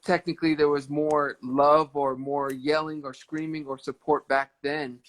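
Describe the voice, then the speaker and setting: A man's voice: a little high, little pitch movement, a little slow, poor audio. Friendly man chatting on a livestream. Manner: warm, repeats words while thinking. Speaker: livestream host. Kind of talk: casual chat with a fan. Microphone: phone on a live video stream.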